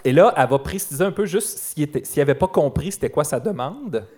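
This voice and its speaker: Homme québécois, animateur blagueur et expressif. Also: male voice, a little high, expressive, fairly quick, a little mellow. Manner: playful, joking wordplay, frequent laughs. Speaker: podcast host. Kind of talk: live comedy podcast commentary. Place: live show in a concert hall.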